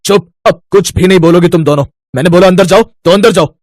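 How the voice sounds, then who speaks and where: Man playing a stern, worried young brother, cartoon, husky, lively pitch. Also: a little fast, no room sound, studio quality.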